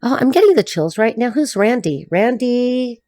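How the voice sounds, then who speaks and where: A woman's voice: fairly high pitch, sing-song, brisk, darkish tone. A middle-aged woman giving a casual, rambling tarot reading to camera, laughing often as she talks. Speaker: tarot reader.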